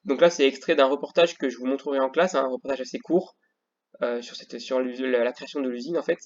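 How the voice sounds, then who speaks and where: A man's voice: medium pitch, steady tone, fast talker, darkish tone. Hesitant male teacher, lo-fi voice-over. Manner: hesitant, many fillers and restarts. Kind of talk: recorded slideshow lesson.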